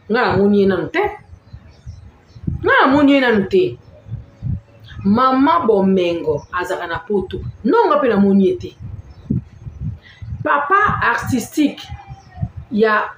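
A woman's voice: mid-range voice, lively intonation, moderate pace, a little hiss or hum. Emphatic woman vlogger, echoey room. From Congo-Kinshasa. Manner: emphatic, repeats phrases, sudden rises in voice. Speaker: online celebrity-gossip commentator. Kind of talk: animated commentary vlog, mixing languages.

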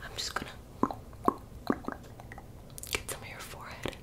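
A woman doing a whispered role-play in a soft, breathy ASMR whisper, with playful, doting personal attention. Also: a little slow. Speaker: ASMR performer.

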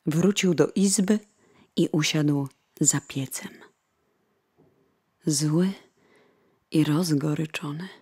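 A woman reading a fairy tale aloud, in an expressive manner that often drops to a whisper. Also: sits low, breathy edge. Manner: slow, expressive, dropping to a whisper. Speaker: storyteller.

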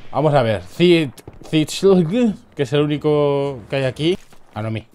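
Excitable Murcian man commentating gameplay. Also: a little high, unhurried, clear, resonant tone. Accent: Murcian Spanish. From Murcia, Spain. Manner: excitable, bursts into loud yelps and shouts, joking and crude.

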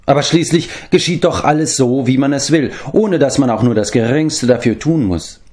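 A man's voice: medium pitch, normal speed, a little mellow, voice pushed up, close to an everyday voice. A man voicing a clever, sly young princess who speaks in an arch, teasing way. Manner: arch, teasing, matter-of-fact.

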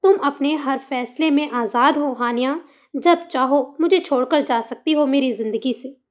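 A woman's voice: high voice, moderate pace, close to an everyday voice. Woman reading a cold stern husband. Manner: curt, controlled, cold.

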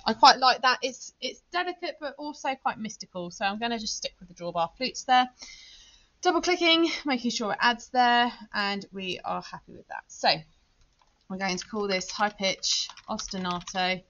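English music teacher lady walking through a tutorial, lots of ums, bright tone, dull sound. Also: fairly high pitch, lively intonation, normal speed. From England. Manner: explanatory, thinking aloud with fillers. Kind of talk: screen-recorded software tutorial.

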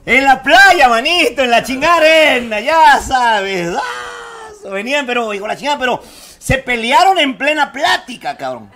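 A man's voice: very high voice, very animated, moderate pace, pushed and bright. A man with a Mexican accent telling a vulgar joke on a radio comedy show. He keeps laughing at his own punchlines and swears constantly.

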